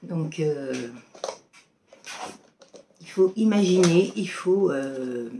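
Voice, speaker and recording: A woman's voice: sits low, animated, extremely slow, background noise. A woman giving a casual oracle card reading to her viewers, chatty and affectionate, with many fillers.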